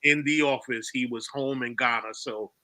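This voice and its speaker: A man's voice: mid-range voice, fairly even intonation, normal speed, bright, forceful tone, dry recording. A man hosting a live-streamed interview, upbeat and encouraging toward his guests. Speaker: host.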